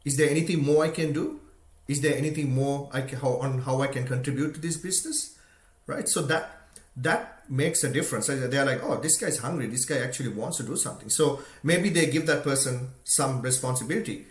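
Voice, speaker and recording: A man's voice: mid-range voice, brisk. A man from Sri Lanka giving an earnest, conversational motivational talk, full of "you know" and "right?". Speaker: motivational speaker. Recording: echoey room.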